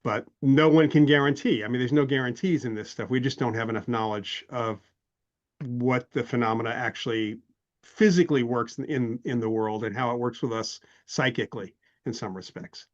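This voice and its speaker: A man hosting an interview podcast in a measured way, trading anecdotes and leading into long questions. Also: medium pitch, highs cut off. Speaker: host.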